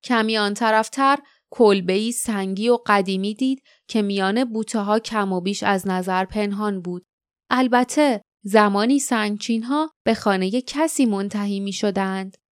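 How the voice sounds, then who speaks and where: Smooth-voiced woman narrating an audiobook. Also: mid-range voice, dry recording, studio quality. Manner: steady, measured storytelling. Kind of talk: scripted narration.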